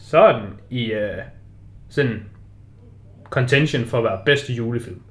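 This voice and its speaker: A man with a Danish accent, co-hosting a podcast in casual, conversational film chat. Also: mid-range voice. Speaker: podcast co-host.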